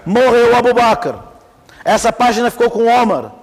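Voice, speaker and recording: A man with a very high-pitched voice speaks at a moderate pace in a large hall, his accent Brazilian Portuguese. His informal lecture on Islamic theology mixes lively stories with questions directed at the class.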